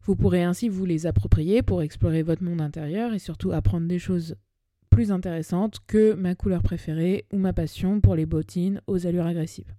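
A Parisian woman of about thirty hosts a personal monologue podcast, semi-scripted, sitting close to the mic with no room sound. Her voice is fairly low and mellow, with fairly even intonation at a normal speed. She talks in a chatty, colloquial, self-deprecating way.

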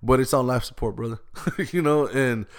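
A man speaks as an interview guest, earnest and heartfelt. His talk rambles, with many restarts. His pitch sits squarely in the middle range. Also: moderate pace, smooth. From Austin, Texas. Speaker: guest, youth gang-prevention worker. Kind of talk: casual conversational interview.

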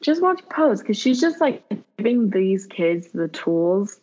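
Woman co-host, casual excited chat, a little muffled. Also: mid-range voice, takes it slowly. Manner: excited, swears casually, laughs often. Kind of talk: casual chat reviewing a TV show.

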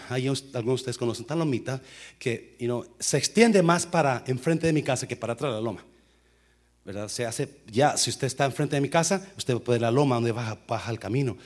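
A middle-aged man, a pastor, telling a story in a sermon with lively sound effects and English phrases mixed in. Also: mid-range voice, a little fast.

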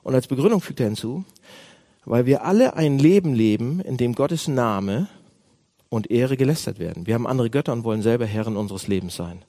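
A man preaching a sermon as a pastor, animated, swinging between loud outbursts and hushed asides. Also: mid-range voice, brisk.

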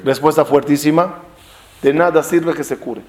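Man teaching a lively Talmud class. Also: a little high, moderate pace. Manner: animated storytelling with rhetorical questions; mixes Hebrew study terms into his speech. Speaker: Torah teacher. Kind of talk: Talmud class to a live group.

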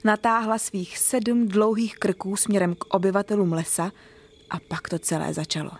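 A woman narrating a children's story in an even, clear storytelling manner. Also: medium pitch.

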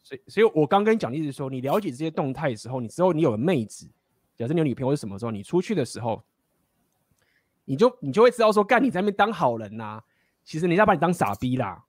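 A man's voice: on the high side, big pitch swings, very fast, no room sound, clean studio sound. A man, casually telling stories and giving blunt, profane dating advice. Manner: blunt, profane, laughing often.

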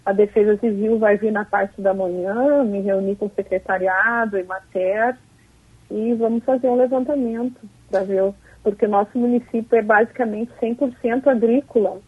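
A woman mayor being interviewed over a crackly phone line, talking haltingly and repeating words. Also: mid-range voice, fairly even intonation, breathy edge. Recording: tinny breaking-up phone line.

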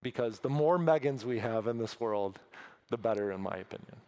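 A man giving an earnest, emotional conference talk about his ministry, halting often with fillers. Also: mid-range voice, expressive, dark tone, faint music behind. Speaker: ministry speaker.

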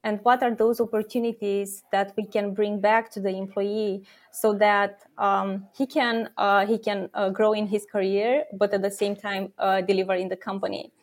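Her voice is mid-range with a somewhat dark tone as this guest from Romania, a startup co-founder and product officer, earnestly explains her answers in an interview, using fillers along the way.

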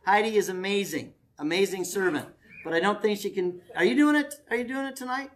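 A man's voice: sits high, brisk. A man preaching and giving camp announcements to a congregation in a meeting hall, joking with the audience as he coaxes them to volunteer. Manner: folksy, joking, coaxing the crowd to volunteer. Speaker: pastor leading a family camp.

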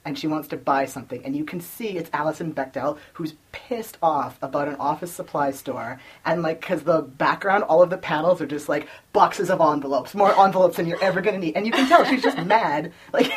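A woman's voice: deep voice, expressive, normal speed, hardly any pauses, husky. A woman chatting casually about a comic series, full of "like" and "kind of". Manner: chatty, says "like" and "kind of" a lot. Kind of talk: casual book discussion.

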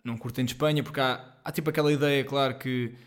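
A young man from Portugal with a European Portuguese accent hosting his own podcast from home, rambling and excitable with lots of slang and fillers. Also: medium pitch, fast talker. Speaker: podcast host. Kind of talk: casual solo podcast monologue.

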